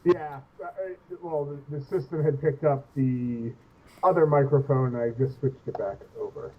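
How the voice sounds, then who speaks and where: A man chatting casually and haltingly, repeating words, through a muffled microphone on an online call. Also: medium pitch, a little hiss or hum. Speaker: tabletop game player on the show. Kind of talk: casual chat. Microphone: computer microphone over a video call. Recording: muffled, dull lo-fi call audio.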